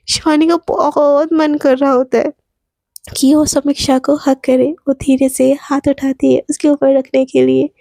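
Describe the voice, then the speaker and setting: A woman's voice: sits high, creaky, warm tone, no echo. A woman telling a love story in a chatty, casual way, sprinkling fillers. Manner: chatty, heavy use of filler "na".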